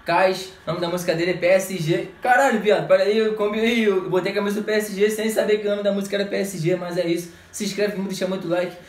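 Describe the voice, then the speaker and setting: A man's voice: high voice, fairly even intonation. A young man with a Brazilian accent giving a slangy, hyped reaction to a rap video from his gaming chair, talking through a headset. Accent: Brazilian Portuguese. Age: young adult. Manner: slangy, hyped, rapid street talk. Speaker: music reaction youtuber. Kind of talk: casual reaction commentary. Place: small indoor room, gaming chair. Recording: echoey small room.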